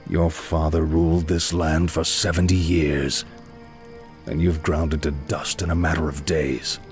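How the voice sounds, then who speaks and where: An actor playing a righteous paladin in a fantasy video game, stern, scornful and dramatic. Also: male voice, a bass voice, little pitch movement, a little slow, darkish tone, faint music behind. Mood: indignant, scornful. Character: righteous male paladin, grave, scornful and indignant.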